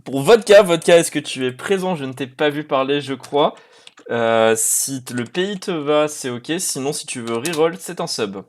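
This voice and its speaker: A man streaming live and running a prize draw, chatting casually and excitably with his viewers by name. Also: a little high, moderate pace, slight background noise.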